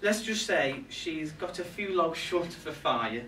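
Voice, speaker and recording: A young man's voice, on the high side and fairly bright, moves a little slowly with lively intonation as he plays a catty, resentful reindeer grumbling about Santa's crew. The indignant, gossipy comic monologue includes arch asides to a live audience in a small pub room, recorded by a far camera with echo and background noise.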